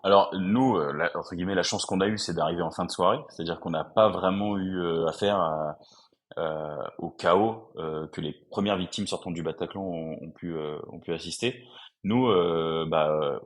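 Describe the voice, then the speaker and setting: A man recounts a personal story on a podcast. His voice sits very low, and he speaks haltingly, with frequent fillers and restarts. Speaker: podcast guest. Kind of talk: conversational storytelling.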